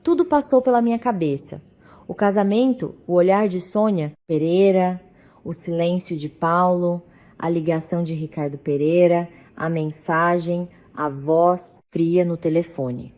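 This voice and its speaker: Woman, story narrator, first-person, measured delivery, low voice, mellow tone.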